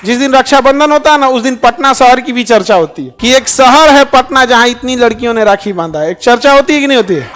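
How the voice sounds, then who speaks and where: A middle-aged teacher and public speaker with a Bihari Hindi accent and a very high voice gives a lively, joking talk in an informal style. He frequently throws questions to his audience.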